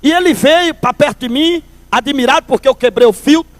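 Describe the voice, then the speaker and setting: A man's voice: very high-pitched, brisk, dry recording. A man from Recife, telling a humorous testimony at a church service and calling listeners brother. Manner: lively storyteller, calls listeners brother.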